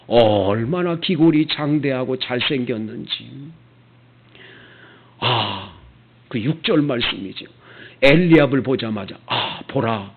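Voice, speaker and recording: Gravelly animated Korean pastor preaching. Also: male voice, a little high. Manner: animated storytelling, acting out the characters. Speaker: senior pastor. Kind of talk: sermon with storytelling. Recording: tinny phone-like sound.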